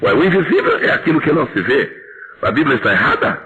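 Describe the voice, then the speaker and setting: Animated Brazilian pastor preaching, lo-fi. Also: male voice, a little high, fast. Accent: Brazilian Portuguese. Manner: animated preaching with call-and-response questions to the congregation. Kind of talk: sermon.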